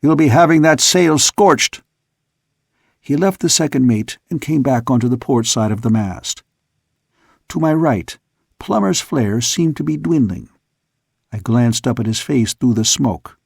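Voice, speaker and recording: A male audiobook narrator telling the story at a steady, measured pace. His voice is gravelly and husky, set in a dry recording with no room echo. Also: mid-range voice. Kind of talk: scripted narration.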